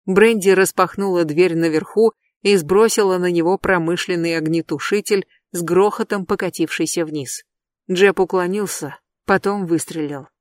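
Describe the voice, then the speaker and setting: Steady thriller audiobook narrator. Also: medium pitch, moderate pace, no room sound.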